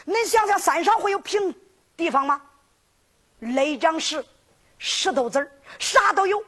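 A woman with a Henan accent performing sung folk storytelling in a lively sing-song narration. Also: extremely high pitch, a little slow.

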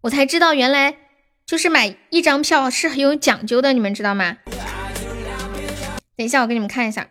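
Young female streamer, high bright voice, cutesy and playfully dramatic, music playing behind. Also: fairly quick, pauses often. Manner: playful, cutesy, melodramatic pleading. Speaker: live streamer. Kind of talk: casual livestream chat. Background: background music.

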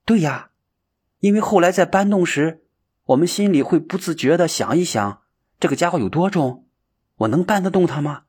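An earnest, dreamy young seeker, as a man puts him on, calm and musing in a husky voice that rises and falls widely. He talks it over slowly in a storybook telling. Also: a little high, pitched above the performer's own voice. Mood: explaining.

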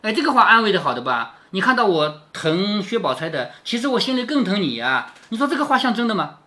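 A man's voice: high-pitched, sing-song, quick pace, pushed and bright. A man reading a classic novel aloud to his daughter, retelling it in casual words and often asking her questions. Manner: chatty, asks the listener questions. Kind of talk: casual storytelling with explanations.

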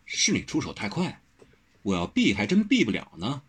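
A man voicing a gentle, self-deprecating young swordsman in a martial-arts story. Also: mid-range voice, wildly swooping pitch, normal speed, breathy edge, heavily acted. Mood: modest. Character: modest good-natured young male swordsman.

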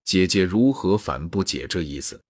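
A man reading the lines of a witty, sharp-tongued young noblewoman in his own low voice. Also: lively intonation, normal speed, no echo, clean studio sound. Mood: teasing. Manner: read in the narrator's own voice.

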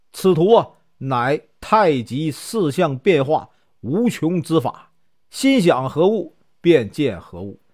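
A man with a Northeastern Mandarin accent narrating a classical tale in traditional storytelling style, drawing out his sentence particles. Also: a little high. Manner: lively, drawn-out particles.

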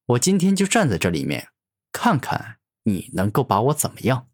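A mocking young male hero, played by a man in a fantasy audio story. He taunts his foe with cool self-assurance, and his voice is lively and full of swings. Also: mid-range voice, normal speed.

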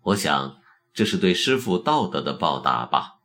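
A man voicing a blunt, quick-witted young Zen disciple in a told story, low and deliberate. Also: sing-song, a bit bright, full character voice. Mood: direct. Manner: plain-spoken, direct.

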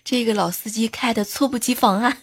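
A woman's voice: on the high side, brisk, over loud music. Playful woman telling funny stories. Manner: playful, teasing delivery. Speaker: host. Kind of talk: comic joke storytelling.

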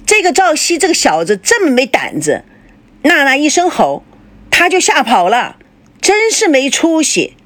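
A fond, blustering middle-aged father, as a woman reads him aloud in a storybook, pitched up high and loud, swinging his voice all over, a little husky. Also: sing-song, measured pace, no room sound, full character voice. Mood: grumbling. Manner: coaxing, loud and exclaiming.

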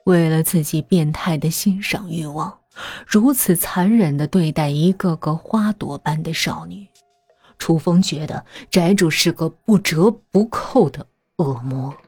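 Woman narrating a spooky story, low breathy near-whisper, very slow. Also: no room sound, faint music behind. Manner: slow, hushed, half-whispered. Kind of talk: scripted horror story narration.

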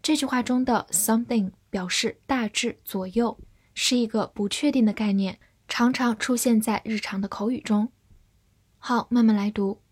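A woman teaching English vocabulary in a scripted lesson, spelling words letter by letter and modeling slow, careful readings. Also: on the high side, breathy edge.

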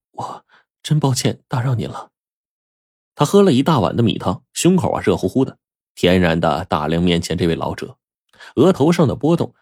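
Man, storyteller, husky voice, lively melody, lowish pitch, dry close sound. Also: dry recording. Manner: lively, with drawn-out particles. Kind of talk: storytelling narration.

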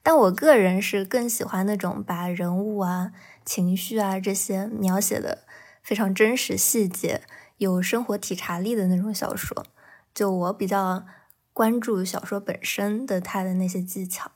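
A woman's voice: mid-range voice, fairly even intonation, measured pace, darkish tone. Woman, novelist guest, casual podcast talk, reflective, candid. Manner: candid, reflective, laughs between thoughts.

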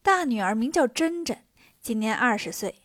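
A woman's voice: a little high, animated, normal speed, dry recording, studio quality. Rich middle-aged widow by a woman, coaxing, persuasive, storybook.

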